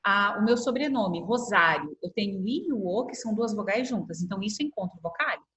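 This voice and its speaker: A middle-aged woman with a Brazilian accent, a primary school teacher giving a patient online class and slowly stretching out words to show how they split. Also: medium pitch, expressive, fairly bright tone. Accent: Brazilian Portuguese. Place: home room on a video call. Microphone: laptop mic on video call. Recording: echoey video-call audio.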